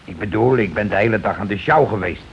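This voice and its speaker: Playing a blunt, quarrelsome, bossy working-class husband in a Dutch radio drama, the male actor talks fast and colloquially in a lowish voice close to his everyday one. The mood is scheming, and the old recording is dull and noisy.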